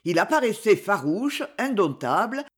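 A narrator reading a swashbuckling adventure novel aloud in a dramatic, expressive storytelling manner. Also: medium pitch, measured pace.

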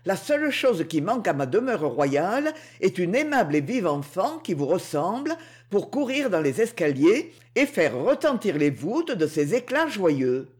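A woman's voice: on the low side, very animated, measured pace, a little mellow. A woman reading an audiobook, voicing a possessive underworld king who coaxes and boasts grandly. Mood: stern.

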